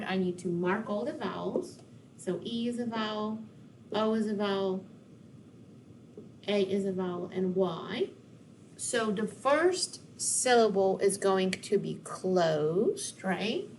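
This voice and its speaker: A woman teacher walks children through a phonics lesson, speaking at a middle pitch. She sounds words out slowly, syllable by syllable, with careful enunciation, and a faint hiss sits under her voice. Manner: slow, clear over-enunciation of syllables.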